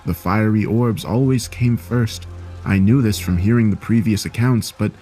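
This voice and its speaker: A man narrating a scripted horror story in a steady, grave manner. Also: lowish voice, moderate pace, soft background music.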